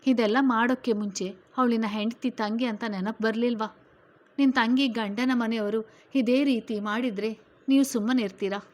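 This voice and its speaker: A woman playing a middle-aged mother in a spoken story, stern and fiercely protective of her sons. She scolds the family in a loud, forceful voice, pitched a little above her normal speaking voice. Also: fairly even intonation, normal speed, natural voice. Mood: angry.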